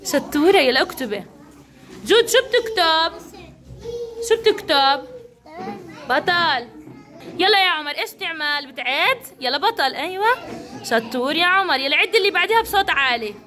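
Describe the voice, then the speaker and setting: A young woman with a Levantine Arabic accent, teaching a class of small children with steady coaxing and praise. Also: very high-pitched, moderate pace, long pauses. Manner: encouraging, coaxing, lots of praise. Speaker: kindergarten teacher.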